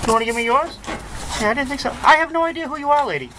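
Brief: woman, somewhat high voice, dismissive and mocking, outdoor clip with street noise. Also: very fast.

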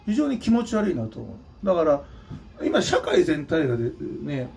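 A man's voice: a little high, wildly swooping pitch, moderate pace, vocal fry, darkish tone, distant mic, faint music behind. A man from Nagano, Japan, hosting his own channel, giving a blunt, scolding opinion monologue with mocking asides. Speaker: channel host and drummer.

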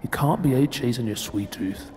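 A man's voice: mid-range voice, lively intonation, normal speed, mellow, a little hiss or hum, natural voice. A man playing a reluctant young boyfriend in an audio role-play, grumbling in a wry, exasperated way.

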